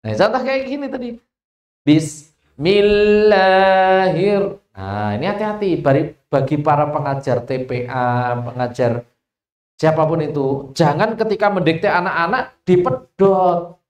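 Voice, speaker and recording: Javanese-accented recitation teacher, measured mid-pitched delivery, reverberant hall-like space. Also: animated. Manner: asks the listeners questions and answers them, stretches out example verses. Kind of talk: Quran recitation lesson. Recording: echoey room.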